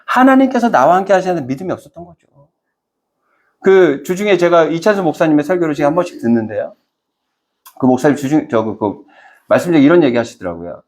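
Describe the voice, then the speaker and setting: A male pastor with a highish, fast voice full of big pitch swings delivers a Sunday sermon. He poses questions to the congregation and answers them himself, performing quoted speech in dramatic voices.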